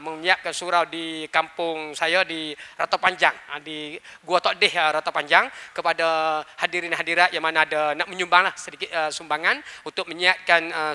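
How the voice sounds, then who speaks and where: Brief: male preacher, Malaysian Malay accent, high, bright voice, lively storytelling sermon with long hall reverb. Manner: animated storyteller, acts out dialogue. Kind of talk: sermon talk with humorous story. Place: mosque prayer hall.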